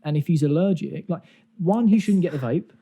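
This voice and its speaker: A man's voice: a little high, brisk, warm tone, breathy edge. A man hosting a podcast, explaining things in a casual, chatty way. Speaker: podcast host.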